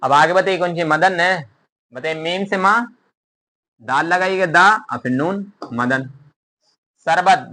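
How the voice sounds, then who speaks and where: Bright-voiced man teaching script letters. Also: on the high side. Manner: quizzes the viewer, then answers his own questions; spells words out letter by letter, slow and patient. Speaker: Urdu teacher. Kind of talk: online language lesson.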